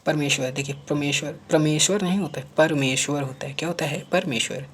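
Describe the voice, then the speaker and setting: A man's voice: fairly high pitch, fast, fairly bright tone, a little hiss or hum. Man teaching spelling, repeating each word. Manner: repeats each word several times, asks and answers himself; drops to murmurs while writing on screen. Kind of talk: exam-prep spelling lesson.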